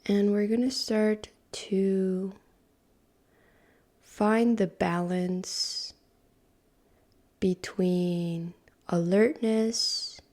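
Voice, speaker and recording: In a mid-range voice, a woman leads a guided meditation without hurry. Her tone is soft and breathy, dropping almost to a whisper, with lengthy silences between phrases.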